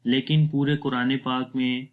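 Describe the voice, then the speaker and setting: A man's voice: mid-range voice, level tone, narrow, tinny audio. Patient male Quran reading teacher. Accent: Pakistani. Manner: patient, sounds out each syllable slowly. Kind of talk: spelled-out reading lesson.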